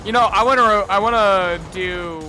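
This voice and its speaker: Bright-voiced young man chatting and laughing. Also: sits high, soft background music. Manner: laughing, rambling, quick to act out sounds. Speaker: streamer and voice actor. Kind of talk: casual chat over a watch-along.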